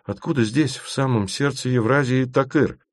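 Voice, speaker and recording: A man voicing a calm, inquisitive young man who talks in a measured way, in a dry recording. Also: mid-range voice, dry recording, voice pushed up, natural voice.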